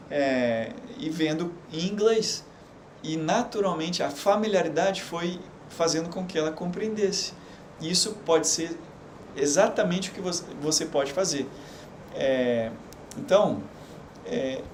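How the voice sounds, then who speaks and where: A chatty middle-aged Brazilian man with a slightly high voice, explaining slowly and filling pauses as he teaches. His voice bounces around an echoey room with a faint hum behind it. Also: darkish tone. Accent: Brazilian Portuguese. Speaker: English teacher. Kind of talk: unedited live stream lesson.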